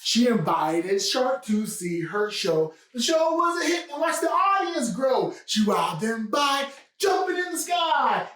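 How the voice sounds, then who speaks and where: A woman playing an eager storyteller pitching her tale with a theatrical delivery. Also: lively intonation, a little slow, few pauses, fairly bright tone. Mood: grand. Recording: very echoey, from far off.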